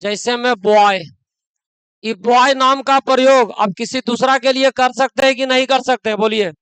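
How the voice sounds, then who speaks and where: A man's voice: very high voice, steady tone, measured pace, fairly bright tone, clean tone, dry recording, low-quality recording. A man teaching grammar in a classroom lecture, now and then scolding students in local dialect.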